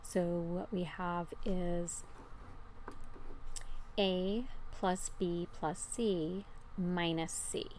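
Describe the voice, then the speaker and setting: A woman's voice: on the low side, fairly even intonation, very slow, pauses often, darkish tone, slight background noise. A woman teacher giving an informal, step-by-step explanation in a recorded math lesson.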